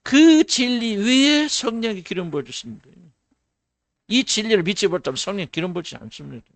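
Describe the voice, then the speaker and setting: A middle-aged man preaches, a little higher than most men, and his pitch swings widely. He fires off rhetorical questions and slips into quoted voices. The sound is dry and close. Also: animated, brisk, creaky, no room sound. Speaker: senior pastor. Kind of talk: sermon.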